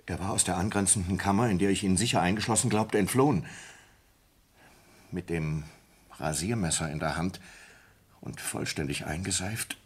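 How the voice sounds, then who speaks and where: In a German radio play, a male actor with a low, husky voice performs a dramatic monologue as a distraught sailor confessing a horrifying ape killing. He recounts it anxiously, halting and intense, swinging between hushed and agitated.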